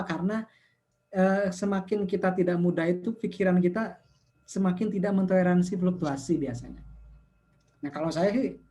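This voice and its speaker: A man in his fifties, an investment community founder, explaining money rules in a talk show and acting out callers' questions. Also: high-pitched. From Indonesia. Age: 50s. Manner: explaining with numbers, quotes callers in lively voices.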